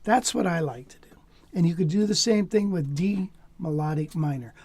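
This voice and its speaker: A man teaching jazz guitar in a relaxed, casual way, sometimes dropping to a near whisper. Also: a little high, normal speed, dry recording. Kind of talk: relaxed lesson talk.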